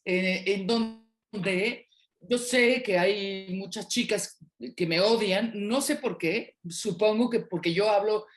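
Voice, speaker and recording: A woman's voice: medium pitch, slow pace. A woman with a Mexico City accent, co-hosting a casual panel discussion and rambling with many fillers as she asks questions. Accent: Mexico City Spanish. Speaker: podcast co-host.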